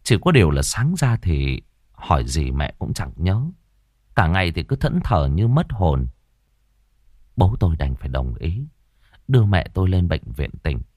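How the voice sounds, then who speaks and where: A man narrating an audiobook story in an expressive, dramatic manner. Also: low voice, unhurried, dry recording, clean studio sound.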